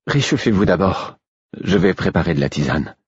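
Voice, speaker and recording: A man's voice: low-pitched, lively intonation, normal speed, husky, no echo, highs cut off, full character voice. A man reading aloud and voicing an exhausted young mother who sounds weary and distressed. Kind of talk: audiobook reading.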